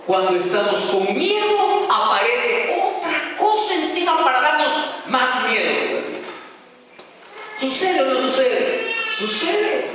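A male pastor delivers a sermon in a big church sanctuary, his voice rising and falling widely as he questions the congregation. He stretches out key phrases slowly for weight. The sound is distant and heavily echoey, with a long reverb tail. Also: very high voice, sing-song, noisy background. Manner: asks the congregation rhetorical questions; slow, drawn-out emphasis on key phrases.

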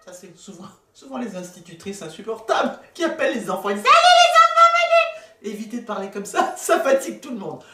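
A woman's voice: mid-range voice, lively intonation, fast talker, hardly any pauses, noisy background. A woman vocal coach giving a playful, demonstrative lesson, often laughing at herself and sliding between her voice registers. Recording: roomy sound from a distant mic, faint music.

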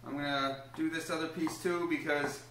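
A man's voice: a little high, steady tone, moderate pace, heavy background noise. A young man demonstrating a recipe in his home kitchen, upbeat and encouraging as he explains each step and cheers on a small child helping him. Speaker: home cooking host. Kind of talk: casual cooking demonstration. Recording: echoey kitchen room.

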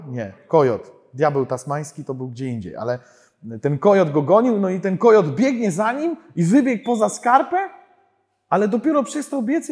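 Lively man telling a testimony in a hall. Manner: storytelling, acts out dialogue with pitch jumps. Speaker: speaker at a prayer group conference. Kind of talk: animated personal testimony talk. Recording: hall reverb.

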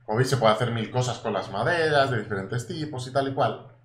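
A young man with a Spain Spanish accent giving casual, excitable gameplay commentary, swearing now and then and chatting to his viewers. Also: medium pitch, brisk. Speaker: gaming YouTuber. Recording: echoey room with faint noise.

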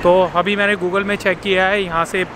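An Indian man in his thirties talks chattily to a camera held at arm's length, his voice sitting fairly high. Clear traffic and street noise run behind him out in the city. He mixes English phrases into an easy travel-vlog ramble. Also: flat delivery, normal speed. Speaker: travel vlogger. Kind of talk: casual vlog narration to camera. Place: busy city street and subway station outdoors. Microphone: handheld camera at arm's length.

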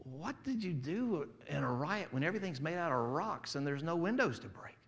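A man preaching an animated sermon as pastor, swinging from loud to quiet and acting out crowd voices. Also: fairly high pitch, normal speed, breathy edge.

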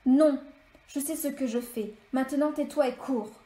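A woman's voice: high voice, normal speed, dark tone, lightly acted. A woman reading aloud and voicing a stern, terse male rebel leader from her novel, in clipped orders. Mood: curt. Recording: echoey room.

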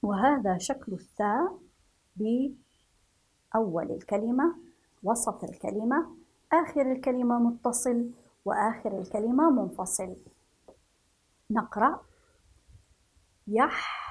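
A woman teaching first graders to read, stretching out each word slowly and praising them softly. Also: fairly high pitch, lively intonation, husky, rough recording. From Yemen. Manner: slow, drawn-out syllables for children, praising softly. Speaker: primary school teacher. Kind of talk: children's reading lesson.

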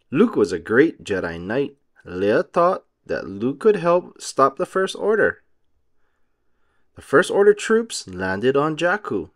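Reading a children's storybook aloud, a man shapes every short sentence with care for young listeners. His pitch sits in the middle range.

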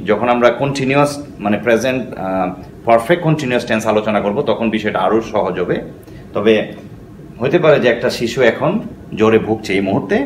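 A man's voice: mid-range voice, slight background noise. Man teaching English, echoey room. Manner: explains patiently, keeps checking with "okay?"; mixes English phrases into his talk. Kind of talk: explanatory language lesson.

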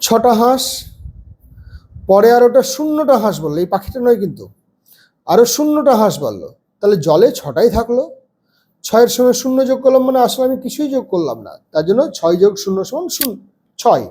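A man's voice: very high voice, big pitch swings, a little fast, long pauses, mellow, slightly rough. A man teaching young children from a textbook, patiently spelling words out letter by letter. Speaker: primary school teacher.

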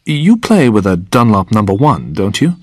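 A man playing a cool, unflappable agent in a storybook, speaking in a low, measured voice. The recording is dry and close. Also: dry recording. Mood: calm. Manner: calm, measured. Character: calm, cool male secret agent.

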